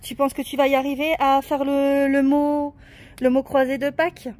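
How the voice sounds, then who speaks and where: A woman with a high, light voice talks a child through a treasure hunt in the garden. She is patient and encouraging and spells words out slowly, letter by letter. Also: little pitch movement, darkish tone. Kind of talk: casual family video chat. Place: outdoors in a garden.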